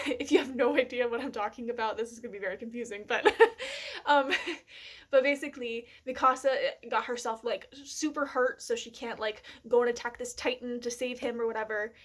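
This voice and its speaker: A woman chatting casually to camera as a vlogger, rambling excitedly with lots of fillers and giggles. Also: fairly high pitch, fairly quick.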